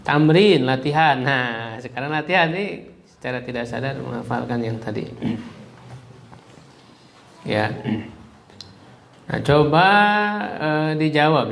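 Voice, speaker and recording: A man teaching an Arabic class, drilling phrases slowly and leading group repetition. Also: medium pitch, creaky, a little hiss or hum. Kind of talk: classroom lesson. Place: classroom with students.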